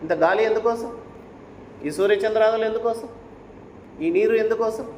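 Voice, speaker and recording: A man's voice: sits high, moderate pace, darkish tone, slight background noise. A man giving a devotional discourse and telling a sacred story, urging listeners with rhetorical questions. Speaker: spiritual speaker. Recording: echoey hall with faint ambience.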